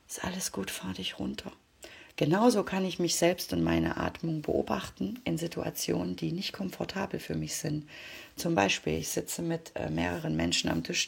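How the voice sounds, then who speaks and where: Husky, gravelly woman, calm guidance. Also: lowish voice. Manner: calm, often drops to a soft near-whisper. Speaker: card reading guide. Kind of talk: reflective spoken guidance.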